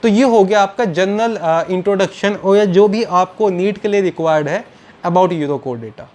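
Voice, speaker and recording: A man teaching a biology lecture to students, mixing Hindi and English and slowly repeating key terms, fondly calling them children. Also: high voice, darkish tone. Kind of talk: recorded online lecture.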